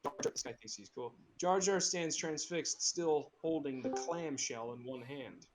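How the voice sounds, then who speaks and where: A man with a slightly high, slightly slow voice narrates screenplay stage directions during a joking group table read over online voice chat, with music playing behind him. He keeps breaking off for playful, mocking asides, and his distorted laptop mic colors the sound.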